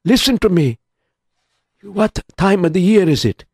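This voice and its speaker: A man's voice: high voice, animated, unhurried, darkish tone, husky, no echo, studio quality, voice pushed up, full character voice. A man voicing an elderly, fussy synagogue elder who repeats himself insistently. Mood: urging. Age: older.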